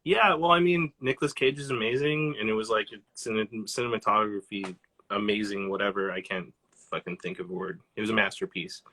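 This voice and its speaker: A man hosting a casual live-stream chat, excitable and swearing freely as he acts out quotes. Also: fairly low pitch, brisk. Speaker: host.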